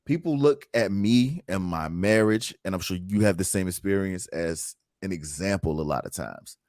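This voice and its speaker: A man's voice: low voice, normal speed, darkish tone, dry recording, clean studio sound. A man hosting a casual livestream talk, earnest and reflective, reading viewer comments aloud. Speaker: host.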